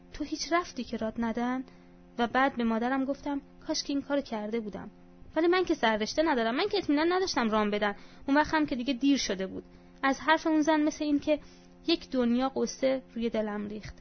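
Woman telling a sad first-person story. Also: high-pitched. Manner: emotional, confessional storytelling. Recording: dull sound with faint background music.

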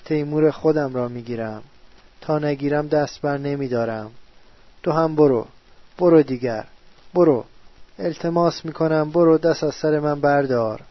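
Man acting out a frantic self-quarreling man, radio drama, higher voice, dry muffled studio audio. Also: no room sound, natural voice. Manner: agitated, pleading, quarrelsome. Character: distraught man arguing with himself at night. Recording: dull, dry studio recording.

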